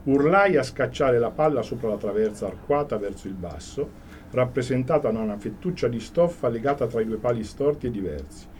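A man, an author, reads a chapter of his own book aloud in an earnest, steady way, then chats about it. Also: mid-range voice, a little fast, a little hiss or hum.

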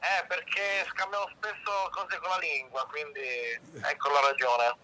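Sick man on a sharp speakerphone line. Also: fairly high pitch, steady tone, measured pace, poor audio. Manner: joking, easygoing. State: sick in bed. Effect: heard over a speakerphone call. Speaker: guest app expert. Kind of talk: casual on-air chat.

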